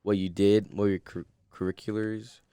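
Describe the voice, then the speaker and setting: A man's voice: on the low side, flat delivery, warm tone, clear, resonant tone, no room sound. A teenage boy hosting a school podcast, asking questions casually and joking around. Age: teens. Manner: joking, quick questions, laughs often. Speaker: student podcast host. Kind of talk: casual interview.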